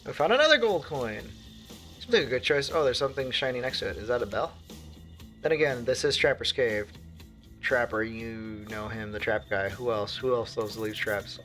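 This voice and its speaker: A man giving casual gameplay commentary. He reads the game's text aloud, jokes with viewers and bursts into loud exasperated shouts. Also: mid-range voice, normal speed, soft background music. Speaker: gaming video creator.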